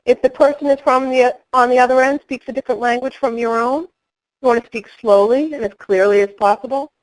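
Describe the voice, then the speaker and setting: A middle-aged woman presents a training webinar. Her voice sits fairly high, and she keeps each point clear, measured and instructional. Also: steady tone, poor audio.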